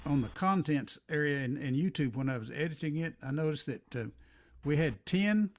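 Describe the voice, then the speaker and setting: A man's voice: a little high, animated, moderate pace. A man chatting casually on a video call, rambling and repeating his words. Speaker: songwriter.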